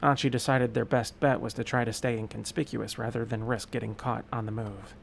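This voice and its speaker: A man's voice: mid-range voice, a little fast, gravelly, slight background noise. Streamer man reading a game story aloud. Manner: steady narrating read with occasional slips and self-corrections. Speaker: gaming streamer. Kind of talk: reading a visual novel aloud.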